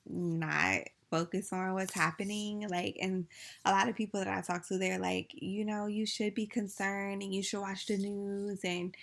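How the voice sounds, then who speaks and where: Chatty woman with a gravelly, bright voice. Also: mid-range voice. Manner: chatty, rambling, many "like" fillers. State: sleepy after wine. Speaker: vlogger. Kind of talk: casual chat to viewers.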